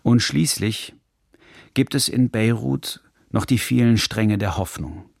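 A man reading a scripted radio documentary narration in a measured, serious manner, recorded in a studio. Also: medium pitch, creaky, no echo.

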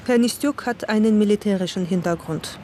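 Woman narrating a calm news documentary. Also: mid-range voice, a little fast, a little hiss or hum. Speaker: reporter.

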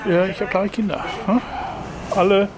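A man's voice: sits high, flat delivery, moderate pace, background noise. A man in his sixties from Dortmund, answering interview questions thoughtfully with some hesitant fillers. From Germany, Dortmund. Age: 60s. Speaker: interviewee, meat counter worker.

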